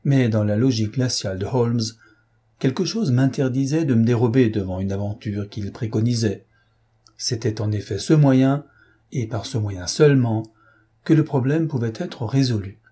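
A man narrating a story as an audiobook reader, with steady, measured storytelling. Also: medium pitch, slightly rough. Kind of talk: scripted narration.

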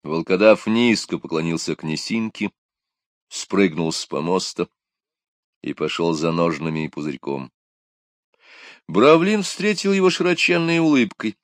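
A man narrating a story in a measured, expressive storytelling manner. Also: sits low, no room sound. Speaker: audiobook narrator. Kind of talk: scripted narration.

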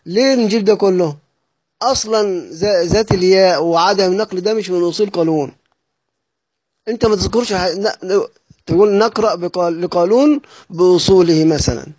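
A man with an Egyptian Arabic accent teaching the rules of Quran recitation, posing questions and answering them himself, and chanting verses slowly. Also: high voice, a little mellow, dry recording. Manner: asks and answers his own questions.

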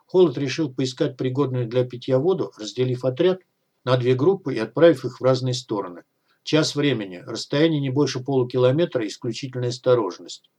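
Husky male audiobook narrator. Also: mid-range voice. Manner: steady, measured reading. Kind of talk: scripted narration.

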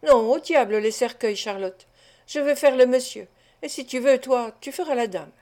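A woman reader plays a greedy young braggart, brash and swaggering, full of himself in a storybook reading. The voice sits on the high side. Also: moderate pace, darkish tone, natural voice. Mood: boastful.

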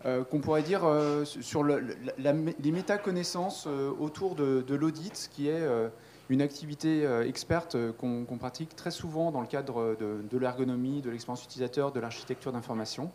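A man introducing a speaker at a conference, very halting and searching for his words. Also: medium pitch, a little mellow, slight background noise. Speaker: event host introducing a speaker.

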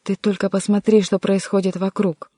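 A reader voicing a desperate young nobleman who shouts urgent warnings in an audiobook. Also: mid-range voice, little pitch movement, moderate pace, dry recording, studio quality, lightly acted. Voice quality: shouting, pleading. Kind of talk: audiobook character reading.

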